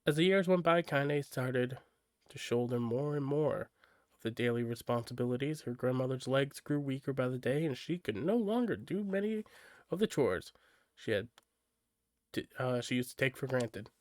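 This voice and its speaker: A man's voice: mid-range voice, lively intonation, normal speed, no room sound. A man reading a story aloud on a live stream, casual and tripping over words now and then. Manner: casual, stumbles and self-corrects while reading.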